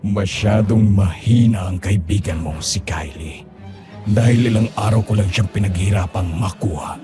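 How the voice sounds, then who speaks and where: A man voicing a gloating, low-voiced aswang. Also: lightly acted. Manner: slow, gloating, taunting delivery. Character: menacing male aswang, cruel and mocking. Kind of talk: horror audio drama acting. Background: music.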